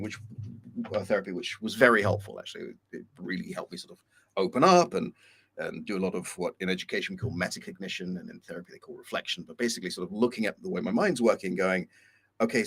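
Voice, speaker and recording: Low gravelly man chatting candidly. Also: a bit bright. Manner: candid, rambling, self-deprecating. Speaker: co-host. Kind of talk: casual chat.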